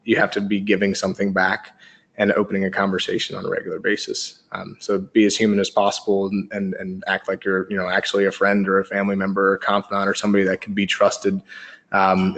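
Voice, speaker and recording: A man's voice: low voice, monotone, fast, creaky, fairly bright tone. A man presenting a marketing webinar, explaining steadily with many ums and uhs. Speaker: company presenter.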